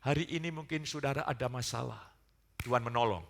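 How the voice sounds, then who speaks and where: A man preaching a sermon as pastor, moving from quiet storytelling to loud, fervent preaching. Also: medium pitch, a little fast, vocal fry.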